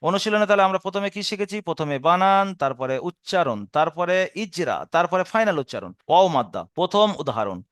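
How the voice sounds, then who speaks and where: A man teaching a Quran reading lesson. He draws out the Arabic syllables slowly, then explains the rules quickly, with a Bengali accent. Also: sits high, sing-song, fairly bright tone, dry recording. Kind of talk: spelling out Arabic letters in a recorded lesson.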